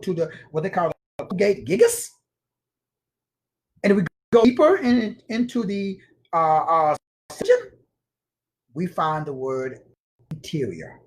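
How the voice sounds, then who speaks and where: A man's voice: high-pitched, lively intonation, measured pace, pauses often. A man giving an informal spiritual lecture, slangy and emphatic, repeating words for stress. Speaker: spiritual teacher.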